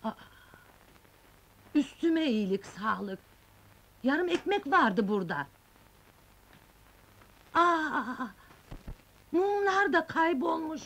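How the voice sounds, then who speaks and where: A woman's voice: high-pitched, sing-song, extremely slow, pauses often, fairly bright tone, heavily acted, poor audio. An actress playing a superstitious old village mother in a 1970s film comedy, fretful and given to exclamations. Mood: puzzled.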